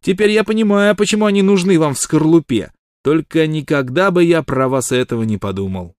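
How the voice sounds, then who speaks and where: A man reading an audiobook, voicing a brash, excitable male prospector sidekick in a loud, mocking manner. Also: mid-range voice, fairly quick, no room sound, clean studio sound, pitched above the performer's own voice, lightly acted. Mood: indignant. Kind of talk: audiobook character voice.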